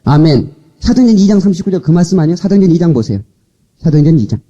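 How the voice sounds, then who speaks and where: A Korean man preaching a revival sermon as pastor, animated, coaxing and scolding his congregation, heard from an old cassette tape transfer. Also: fairly high pitch, rapid-fire, highs cut off. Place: church sanctuary.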